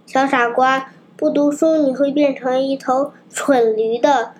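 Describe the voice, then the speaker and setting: A woman reading a storybook, voicing a wise old talking cicada who lectures calmly. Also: high voice, unhurried. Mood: calm, admonishing. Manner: calm, lecturing.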